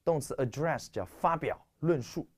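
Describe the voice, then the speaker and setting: A man from China lecturing on English vocabulary, with a stuffy nose. His pitch swings widely as he talks, and he keeps posing rhetorical questions to the class. The delivery is animated. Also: measured pace, slightly rough. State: stuffy nose, clearing throat.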